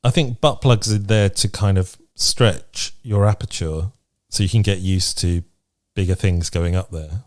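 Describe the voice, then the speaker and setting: A British podcast co-host with a deep voice speaks a little slowly, chatting casually and reading from a list in a frank, playful way.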